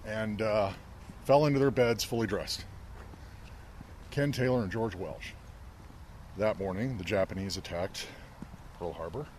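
A man with a fairly low voice tells stories in a relaxed, animated way, now and then stopping to read inscriptions aloud. He was recorded outdoors on a field recorder. Faint traffic and a slight hum of noise sit behind him. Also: unhurried, pauses often. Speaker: interviewee, news colleague. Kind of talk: conversational storytelling on a walk. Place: outdoors at a cemetery. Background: faint traffic and planes overhead.

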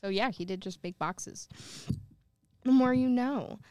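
A woman's voice: a little high, a little slow, dark tone, dry recording, highs cut off. A young woman co-hosting a podcast, reading a ghost story in casual chat with jokey, slangy asides. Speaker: podcast co-host.

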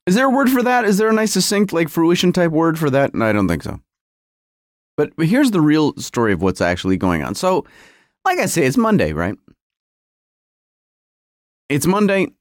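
Animated man rambling in his garage. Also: fairly high pitch, moderate pace, pauses often, dry recording, clean studio sound. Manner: self-interrupting, wry. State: feeling cold. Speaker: podcast host. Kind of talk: rambling casual solo podcast talk. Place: home garage.

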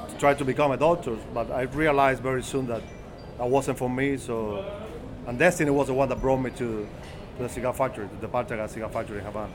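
A Cuban cigar maker is a guest in a casual interview in a cigar bar, with a busy crowd chattering behind him. He speaks in a mid-range voice, haltingly, often rephrasing himself.

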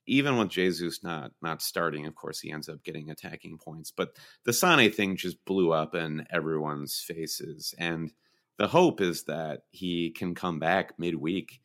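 Male podcast co-host, very deep voice, rambling and animated, casual fantasy football chat. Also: measured pace.

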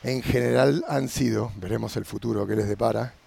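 Gravelly-voiced Argentine man, low and husky. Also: fairly even intonation, warm tone. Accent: Argentine Spanish. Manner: thinking aloud, pausing mid-phrase. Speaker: podcast host. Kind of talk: casual spoken monologue. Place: outdoors riding a bicycle through a city.

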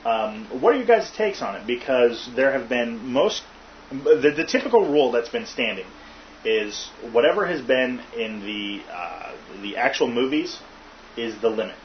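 A man's voice: medium pitch, big pitch swings, normal speed. A man hosting a podcast in casual chat, joking and rambling with fillers. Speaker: podcast host. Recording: muffled lo-fi with faint hiss.

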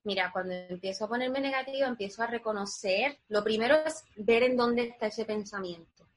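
A woman's voice: a little high, a little fast. A woman guest in a conversational interview, talking earnestly and reflectively, explaining things step by step.

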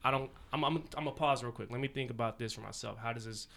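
A man's voice: mid-range voice, quick pace, gravelly, fairly bright tone. A man hosting a podcast, talking casually with slang and mimicking how other people talk. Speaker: podcast host. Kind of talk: casual chat.

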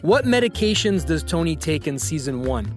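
A man's voice: on the high side, sing-song, moderate pace, faint music behind. A man hosting a casual trivia quiz, upbeat and teasing as he quizzes a caller. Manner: upbeat, playful, teasing quizmaster. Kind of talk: casual podcast quiz banter.

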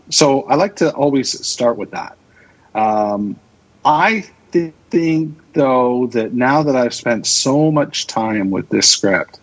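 A radio drama producer appearing as a podcast guest chats casually and opinionatedly in a mid-range voice. He sounds enthusiastic, repeating points for emphasis, and the audio is dull.

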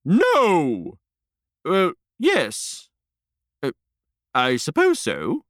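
A man's voice: fairly high pitch, huge pitch swings, drawn-out words, dry recording, clean studio sound, heavily acted. A man voicing a bossy storybook queen who sounds haughty and flustered.

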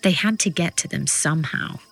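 A woman reading scripted documentary narration as a podcast narrator, with measured, suspenseful storytelling. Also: deep voice, vocal fry, a bit bright, breathy edge, faint music behind.

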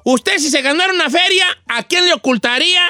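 High-pitched joking radio host. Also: male voice, a little fast, sharp tone, no room sound, clean studio sound. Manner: joking, slangy, acts out other people's voices. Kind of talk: comic radio banter.

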